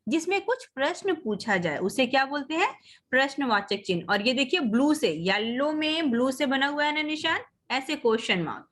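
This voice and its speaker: A woman teacher giving an online lesson, reading example sentences slowly and calling the children "beta". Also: sits high, big pitch swings, fairly bright tone. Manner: coaxing, addresses children as beta. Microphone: video call.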